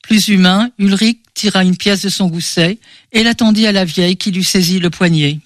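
A man narrating a novel in a measured, expressive way. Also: high-pitched, no room sound, studio quality. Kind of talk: scripted audiobook narration.

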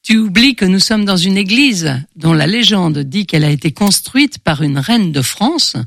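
A woman's voice: lowish voice, expressive, moderate pace, gravelly, fairly bright tone, no echo, studio quality, full character voice. A woman voicing a wry, knowing male journalist who teases his friend.

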